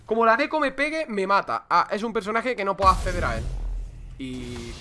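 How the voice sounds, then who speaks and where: A young man gives excitable, swearing commentary over his own game. His voice sits high and swings widely in pitch, with a bright, forceful edge, and faint music plays behind him. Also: fairly quick. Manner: excitable, swears, says "tío" constantly. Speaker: gaming streamer. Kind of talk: casual gameplay commentary.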